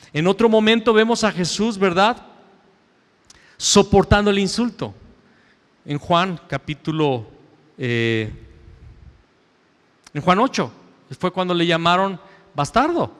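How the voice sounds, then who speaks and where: A male pastor delivers an emphatic sermon from the pulpit. His somewhat high voice swings between loud raised lines and hushed, low asides. The sound rings with the long reverb of a church hall. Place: church sanctuary.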